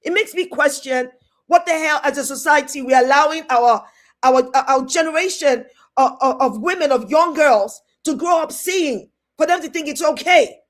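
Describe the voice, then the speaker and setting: A middle-aged woman with a British accent talks in a fairly high voice. She delivers a heated, indignant commentary rant. She scolds and repeats her points over and over for emphasis. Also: moderate pace. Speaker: host.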